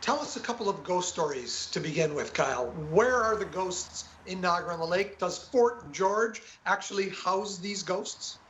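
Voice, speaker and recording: A man's voice: sits high, animated, moderate pace, few pauses, fairly bright tone, a little hiss or hum. A man hosting a broadcast interview, introducing and questioning a guest, on slightly lo-fi audio. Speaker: programme host, interviewer.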